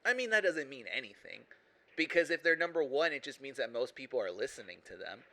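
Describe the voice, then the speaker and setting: A man's voice: medium pitch, big pitch swings, fast talker, pushed and bright, rough recording. A man hosting a casual podcast chat, talking emphatically and pressing his points. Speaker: podcast host.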